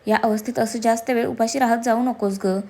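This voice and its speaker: A woman voicing a loving elderly grandmother who gently scolds and coaxes the family in an audio story. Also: on the high side, steady tone, fairly quick, close to an everyday voice. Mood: affectionate.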